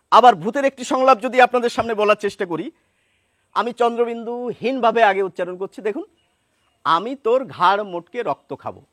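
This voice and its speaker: A man giving a pronunciation lesson, patiently repeating words slowly to demonstrate nasal sounds. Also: sits high, fairly bright tone, no room sound, clean studio sound. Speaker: pronunciation teacher. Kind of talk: spoken lesson to camera.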